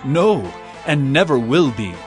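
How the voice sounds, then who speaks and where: An actor playing Jesus as a stern, impassioned prophet and teacher in a dramatized scripture reading, speaking with solemn emphasis. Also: male voice, medium pitch, very animated, slow pace. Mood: solemn warning. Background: music.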